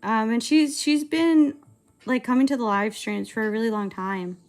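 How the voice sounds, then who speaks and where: Creaky-voiced young woman rambling casually. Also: on the high side, moderate pace. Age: 20s. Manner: rambling, hesitant, filler-heavy. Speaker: streamer and animator. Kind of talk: casual livestream chat while drawing.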